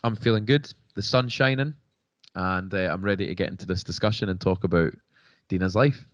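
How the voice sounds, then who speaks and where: A man co-hosting a podcast, talking in an animated way with ranting and swearing. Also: deep voice, a little fast, dry recording. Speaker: podcast co-host. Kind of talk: casual podcast chat. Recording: dry, dull lo-fi podcast audio.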